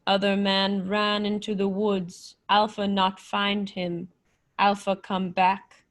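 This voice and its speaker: Voicing a slow, blunt robot for an old-time radio play, a woman uses a medium pitch and acts it only lightly. The character is an emotionless, menacing living machine man with primitive speech. She keeps her tone flat and matter-of-fact, and her delivery is slow and clipped.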